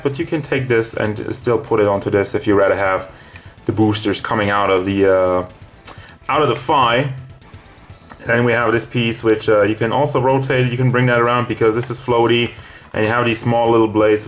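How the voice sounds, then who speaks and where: A man's voice: medium pitch, normal speed. A man reviewing a toy figure in a casual, rambling way, hot and out of breath, with faint music behind him. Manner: rambling, casual, self-correcting.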